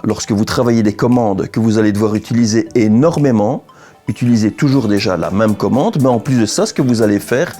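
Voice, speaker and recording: A man's voice: mid-range voice, a little mellow. A man giving an instructional explanation as a dog trainer, didactic and repeating key points for emphasis.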